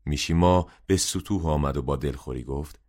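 A man reading a story aloud in a measured, subdued narration. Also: a bass voice, a little mellow. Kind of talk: scripted audiobook narration.

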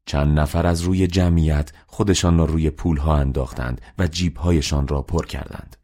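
A man reading a novel aloud as an audiobook narrator, in a steady, measured way. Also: very deep voice. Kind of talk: scripted narration.

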